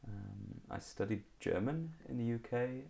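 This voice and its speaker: A man's voice: mid-range voice, a little slow, vocal fry, warm tone. A man in his thirties from Liverpool with a Liverpool accent, talking casually as an interview guest with many ums and restarts. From England. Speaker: guest, comedian.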